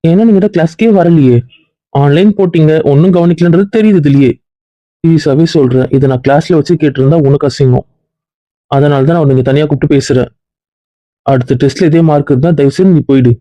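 A stern college dean scolds at a rapid clip, as a man acts him out, his voice a little high for a man. The sound is dry and a touch muffled, with no room around it. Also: dry recording, close to an everyday voice. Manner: lecturing, reproachful. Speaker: actor. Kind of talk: web series drama acting.

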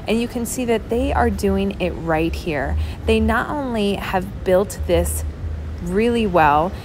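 A woman's voice: fairly low pitch, background noise. A woman narrating a vlog voice-over, describing a tour in a friendly way. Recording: voice-over with music behind.

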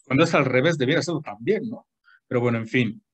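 A man's voice: medium pitch, fast, husky. A man with a Mexican Spanish accent, a doctor teaching a class in a colloquial lecture and often checking that students follow. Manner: colloquial, asks the class frequent check questions. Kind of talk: informal medical lecture.

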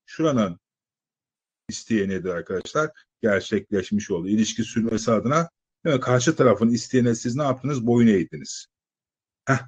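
A man lecturing exam candidates in a slightly husky voice. He talks in a loose, conversational way, firing rhetorical questions at the class and stretching out filler sounds while he thinks. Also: mid-range voice, a little mellow, muffled recording. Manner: asks students rhetorical questions, many "e" fillers. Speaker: exam-prep teacher. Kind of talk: live lecture to students.

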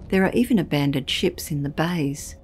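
Reading a scripted documentary story, a woman with a strikingly low, darkish voice sounds measured and ominous, like someone telling a spooky tale. There's a little hiss or hum in the recording.

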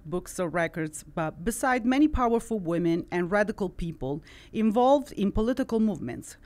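A middle-aged woman from central Italy with an Italian accent, hosting a studio podcast and reading a measured, scripted introduction into a boom mic. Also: darkish tone. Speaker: host. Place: studio with wood-slat wall. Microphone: boom-arm studio mic.

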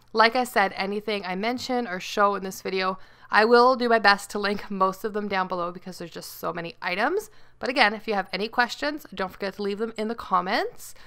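A woman in her thirties vlogs casually to the camera from her home dining room and kitchen, upbeat and chatty with lots of "like" and "um." Her mid-range voice is bright and forceful, with a clean tone.

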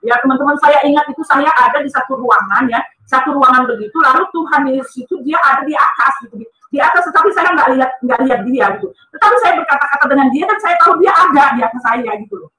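Fast, bright-voiced woman giving testimony. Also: sits high, distant mic. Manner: earnest, emphatic, often addresses listeners as friends. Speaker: testimony speaker. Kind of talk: emotional personal testimony. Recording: echoey room, voice from off-mic.

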